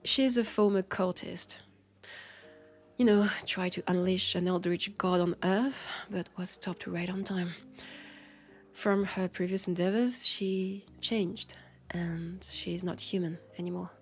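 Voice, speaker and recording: A woman with a French accent and a lowish voice plays a guarded yet friendly vampire police officer in an intimate audio drama, a one-sided roleplay conversation. Her intonation is fairly even and she takes it slowly, hesitant and wry as if confiding, with faint music behind her.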